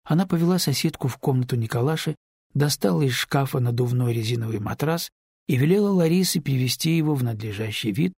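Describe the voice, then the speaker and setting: A man reading a novel aloud in steady, measured storytelling narration. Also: mid-range voice, breathy edge, no echo. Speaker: audiobook narrator. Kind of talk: scripted narration. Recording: dry close studio read.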